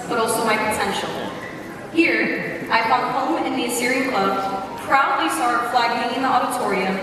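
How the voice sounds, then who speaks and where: A young woman in her late teens, the student speaker at a graduation, delivering an earnest prepared speech in a formal manner. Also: fairly high pitch. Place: large hall at a graduation ceremony. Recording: echoey hall from far off, background noise.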